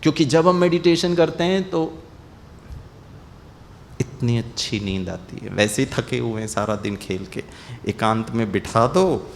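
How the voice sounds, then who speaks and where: A man with an Indian accent giving a motivational talk to athletes, telling stories and acting out scoldings with lively shifts. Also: medium pitch, measured pace, creaky, long pauses, slight background noise. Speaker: motivational speaker.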